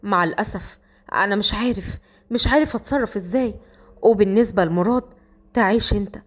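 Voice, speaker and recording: A woman voicing a dutiful, middle-aged police colonel, speaking low and formally. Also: quick pace, close to an everyday voice. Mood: somber.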